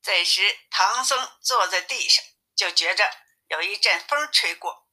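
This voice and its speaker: A woman reading a classic story aloud in a lively manner, shifting her voice for each character. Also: medium pitch, a little slow. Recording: tinny phone-like sound.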